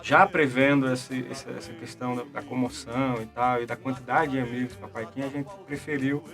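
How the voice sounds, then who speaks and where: A man's voice: medium pitch, fairly even intonation, fairly quick, fairly bright tone, faint music behind. A middle-aged man telling a long story in casual chat, full of fillers and repeated words. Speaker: debate show guest.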